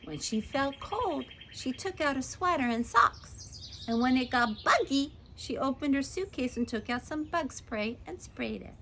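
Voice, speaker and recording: A woman's voice: sits high, animated, unhurried, a bit bright, slight background noise. A woman reading a children's story aloud, playful, stretching dramatic words and asking the listener questions.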